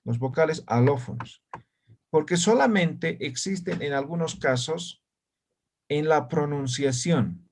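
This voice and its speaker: A man's voice: on the high side, slow. A man teaching an online language lesson, explaining step by step and often checking understanding with short tag questions.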